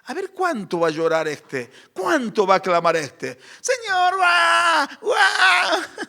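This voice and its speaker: A middle-aged man, preaching a sermon and acting out crying and shouting. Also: a little high, unhurried. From Argentina. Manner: animated, acts out crying babies and shouts. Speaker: pastor.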